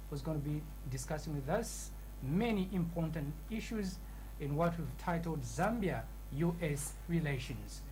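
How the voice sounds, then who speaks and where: A woman's voice: sits low, a little mellow, slight background noise, low-quality recording. A woman hosting a TV talk show in a studio, speaking in a formal, ceremonious way.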